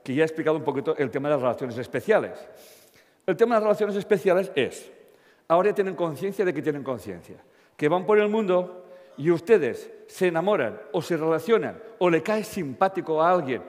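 A man's voice: a little high, lively intonation, fairly quick, a little mellow. A man giving a live talk, blunt and joking, often asking the audience questions. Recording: long hall reverb.

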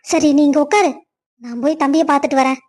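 A sharp, high-voiced cartoon stepmother, voiced by a woman, bossy and scheming. She scolds and lays out orders with cold certainty. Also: fast talker, lightly acted. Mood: scolding. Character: scheming stern stepmother, middle-aged.

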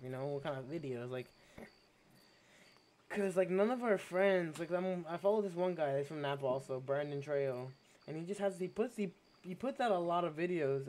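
A man's voice: fairly high pitch, a little mellow. A man chatting casually and profanely while streaming a game, rambling and laughing often. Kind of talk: casual gaming stream chat.

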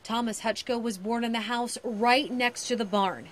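An American woman in her thirties reports television news from outdoors beside farm fields, holding a handheld reporter microphone. Her voice sits on the high side at normal speed, with light outdoor noise in the background.

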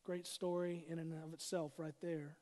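A man's voice: fairly high pitch, level tone, normal speed, mellow, in a large hall. A man preaching as pastor, building emphasis through repeated short phrases. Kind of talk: sermon.

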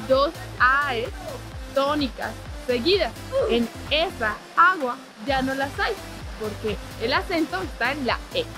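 A young woman, chatting outdoors as she tours a town and explains a grammar point to viewers. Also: sits high. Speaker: Spanish teacher and travel vlogger. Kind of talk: travel vlog with language tips. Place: outdoors in a small town and countryside. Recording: music playing behind the voice.

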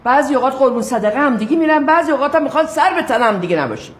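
A woman's voice: high voice, expressive. An actress playing a pushy, overfamiliar woman next door in a sitcom, insistent and chatty. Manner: insistent, overfamiliar, keeps calling her by the wrong name. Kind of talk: sitcom acting. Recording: roomy echo.

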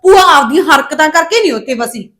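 A woman's voice: high voice, lively intonation, bright, forceful tone. An actress playing a defiant young unmarried daughter who argues sharply with her mother. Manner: defiant, quick arguing. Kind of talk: Punjabi family drama acting.

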